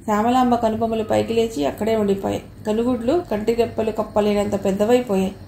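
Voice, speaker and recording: A woman reading a novel aloud as an audiobook narrator, with a steady storytelling manner. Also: on the high side, quick pace, vocal fry. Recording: echoey room with faint noise.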